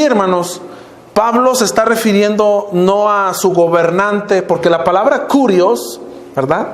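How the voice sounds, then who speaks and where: The roomy echo of a church hall carries the sermon of an older minister with a Mexican accent. His voice sits fairly high, his pitch falls at the close of every phrase, and he often speaks to his listeners as brothers.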